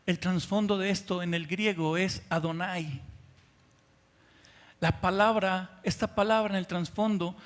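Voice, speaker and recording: A man with a Mexican Spanish accent preaches from the pulpit in a fairly high, lifted voice. His delivery moves between quiet, intimate stretches and swelling, emphatic appeals. The sound carries a long reverb of a large hall. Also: fairly even intonation, measured pace. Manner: impassioned preaching, swinging from soft to loud. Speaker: pastor. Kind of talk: sermon.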